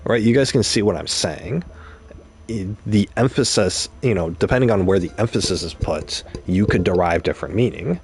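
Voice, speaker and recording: A man's voice: lowish voice, expressive, normal speed, creaky, darkish tone, a little hiss or hum. A young man streaming a game, talking casually and rambling through an explanation with examples and restarts. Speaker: gaming streamer. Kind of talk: casual commentary while gaming.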